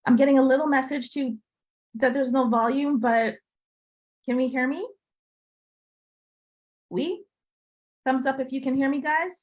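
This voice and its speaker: A woman's voice: high-pitched, a little slow, pauses often, highs cut off. Upbeat woman teaching over a video call. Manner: upbeat teacherly, frequent "okay?" check-ins. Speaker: French tutor. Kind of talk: live online class for parents.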